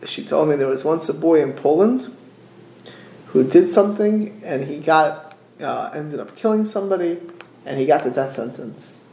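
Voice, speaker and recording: A middle-aged man with gives an informal religious sermon, haltingly repeating phrases and posing rhetorical questions. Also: fairly high pitch, lively intonation, warm tone. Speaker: rabbi giving a religious class. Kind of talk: informal sermon, explaining texts with anecdotes. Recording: echoey room.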